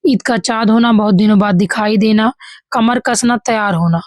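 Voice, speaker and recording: With a mid-range voice at normal speed in a dry recording, a woman with a Bihari Hindi accent teaches grammar for exam prep. She reads out every example, then corrects it, with "ठीक है" coming up often.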